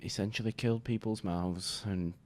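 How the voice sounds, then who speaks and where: A British man talking casually as a podcast guest, with a dry, deadpan sense of humor. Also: lowish voice, moderate pace. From Britain. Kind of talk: casual chat.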